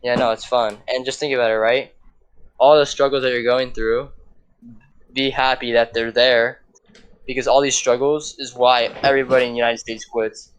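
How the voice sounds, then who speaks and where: A man's voice: medium pitch, level tone, moderate pace, clean tone. Slangy, hyped teenage guy. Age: teens. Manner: hyped, slangy, keeps saying bro and dude. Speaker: podcast co-host. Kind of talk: casual podcast chat.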